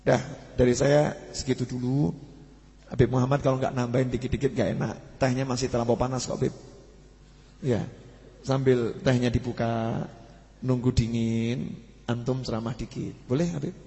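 A man preaching a sermon, mixing stories with lively joking asides and fervent emphasis. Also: medium pitch, normal speed, long pauses. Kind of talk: sermon with storytelling and banter. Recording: long hall reverb.

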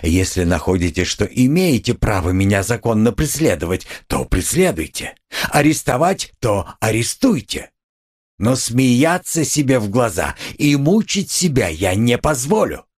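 A man's voice: mid-range voice, sing-song, measured pace, slightly rough. A man doing a feverish, defiant young student. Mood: cold defiant. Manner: clipped, breaks into shouting. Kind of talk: audiobook reading.

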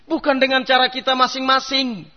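A man preaching a sermon in a mosque, animated, acting out the voices of parents and children in his stories. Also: extremely high pitch, fairly quick, highs cut off. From Indonesia.

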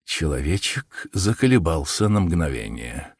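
A man narrating an audiobook in an expressive storytelling manner. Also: rumbling low, a little slow, husky, no echo, clean studio sound. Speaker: audiobook reader. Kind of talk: scripted narration.

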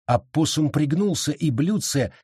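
A man narrating an audiobook in a steady, measured reading voice. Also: on the high side, breathy edge, no room sound, studio quality. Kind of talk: scripted narration.

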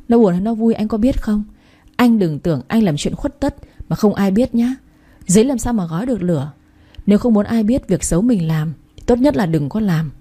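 A woman's voice: medium pitch, warm tone, close to an everyday voice. A woman voicing a stern, angry older father-in-law who runs the family company, speaking harshly in a storybook reading. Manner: harsh, scolding.

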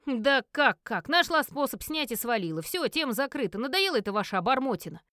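A woman's voice: high voice, big pitch swings, fairly quick, dry recording, clean studio sound, exaggerated voice. Woman doing a sneering spoiled young man. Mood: scornful. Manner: sneering, loud and dismissive. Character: spoiled, scornful young man, mocking and rude.

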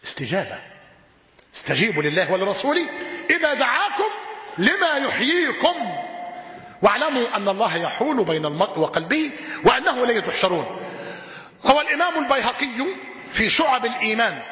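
An Egyptian preacher delivering a sermon in a lively, swooping voice, pitched high for a man. He tells his stories with animated rhetorical questions. The sound rings out through a roomy hall with a long echo. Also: fast. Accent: Egyptian Arabic. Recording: echoey hall with long reverb.

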